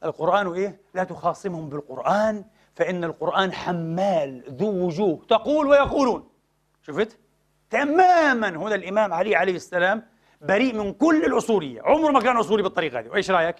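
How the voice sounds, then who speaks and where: Guy preaching quick, high voice, keeps asking the crowd questions. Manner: animated, asks rhetorical questions, fills pauses with drawn-out "eh". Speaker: Islamic preacher and lecturer. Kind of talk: sermon-style lecture.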